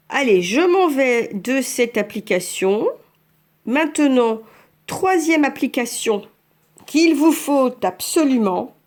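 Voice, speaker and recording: A woman's voice: on the high side, darkish tone. A woman teaching French learners, patiently talking through each step of using a phone app. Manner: slow, patient, narrates each tap aloud. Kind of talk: screen-by-screen app tutorial for learners.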